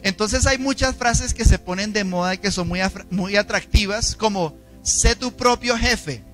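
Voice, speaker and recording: Soft music plays behind a Colombian-accented pastor as he gives a sermon in church at a normal pace, his voice a bit bright. He preaches emphatically and dramatically with varying pitch, regularly turning questions to the congregation.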